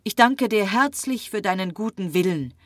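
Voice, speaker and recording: A woman's voice: medium pitch, animated, moderate pace, a bit bright, dry recording, pitched above the performer's own voice, natural voice. A woman doing a weary, mocking young man. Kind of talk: audiobook reading.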